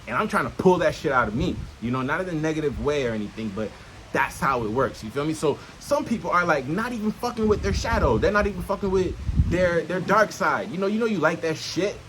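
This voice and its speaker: This man talks fast, with a fairly high, slightly bright voice and lively intonation, over slight background noise on poor audio. He's a self-help vlogger outdoors in nature, speaking unscripted to camera. He teaches in street slang full of swearing and keeps checking in with the listener through questions.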